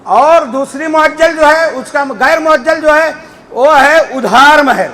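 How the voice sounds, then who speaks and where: A man preaching a Muharram majlis sermon to a gathering, impassioned, at times shouting and chanting Arabic phrases in a drawn-out way. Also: extremely high pitch.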